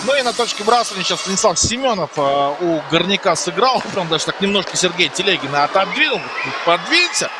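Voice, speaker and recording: A man giving live ice hockey commentary in a conversational way, pausing to find words. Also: high voice, animated, background noise.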